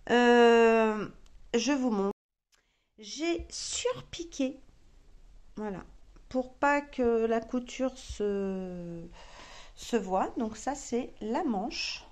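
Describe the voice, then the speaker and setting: Woman, French accent, casual sewing vlogger; slow, hesitant, mellow tone. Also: a little high, lively intonation. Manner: hesitant, thinking aloud with many fillers. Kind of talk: casual chat to camera.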